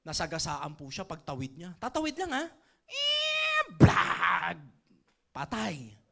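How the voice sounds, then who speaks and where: A man leading a seminar for an audience, telling a comic story in a playful, animated way and drawing the crowd in. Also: on the high side, brisk. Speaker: motivational trainer. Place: training event before an audience.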